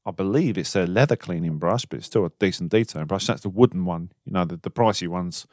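Lowish-voiced bantering man, dry sound. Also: fast, a little mellow, no room sound. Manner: bantering, anecdotal, informal British slang. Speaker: podcast co-host. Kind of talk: casual chat about car detailing.

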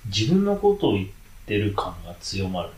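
A man's voice: lowish voice, very animated, moderate pace, darkish tone, roomy sound, rough recording. A man co-hosting a casual podcast chat, telling trivia with a laugh. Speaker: podcast co-host.

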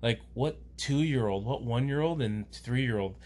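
A man's voice: mid-range voice, unhurried, darkish tone. A man co-hosting a casual faith and parenting conversation, talking earnestly and reflectively, often restarting his sentences. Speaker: podcast co-host, parent.

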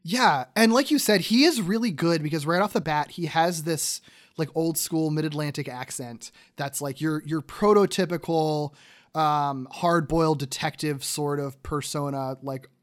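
A man's voice: fairly high pitch, normal speed. A man co-hosting a casual recap podcast, talking in an enthusiastic, giggly way. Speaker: podcast co-host. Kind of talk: casual episode recap chat.

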